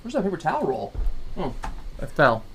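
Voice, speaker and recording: A woman giving casual gameplay commentary in a lowish voice that swings up and down a lot. She is upbeat and chatty and rambles, often correcting herself mid-sentence. Faint noise sits behind her. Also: wildly swooping pitch, fairly quick. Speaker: gaming channel host.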